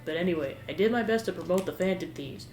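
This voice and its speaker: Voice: mid-range voice, quick pace, darkish tone, natural voice. A game player reading a whiny, eager teenage boy. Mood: eager, sheepish. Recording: roomy echo with game music behind.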